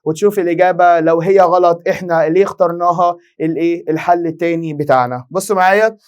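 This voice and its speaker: Fast-talking Egyptian man drilling a class. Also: a little high, fairly even intonation, smooth, dull audio. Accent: Egyptian Arabic. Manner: drilling students with rhetorical questions and quick answers. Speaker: Italian language teacher. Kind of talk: exam-prep lesson.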